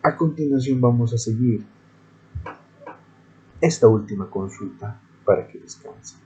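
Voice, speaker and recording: A man's voice: medium pitch, measured pace, mellow, muffled recording. A male teacher giving a screen-recorded programming lesson, explaining methodically step by step.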